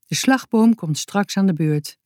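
A woman's voice: medium pitch, lively intonation, unhurried, a little mellow, no echo, clean studio sound, close to an everyday voice. A woman voicing an earnest, inventive young boy who explains his plans in a storybook reading.

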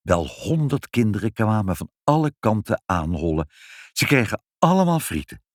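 Lively low-voiced storybook narrator man. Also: moderate pace, no room sound, studio quality. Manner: lively, playful voicing of every part. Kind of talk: children's storybook reading.

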